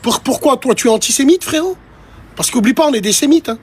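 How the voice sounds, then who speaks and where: A man's voice: very high-pitched, expressive, fast talker, husky. A man ranting on a live stream, talking straight to his chat in a crude, provocative and mocking way. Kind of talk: casual live-stream rant.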